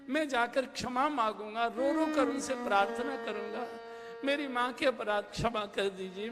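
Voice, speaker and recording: A man speaks as a small, earnest boy pressing his mother with pleading questions, in a highish voice. A long hall reverb carries each line over steady strings. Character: earnest little boy, sensitive and hurt. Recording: reverberant hall with instrumental music.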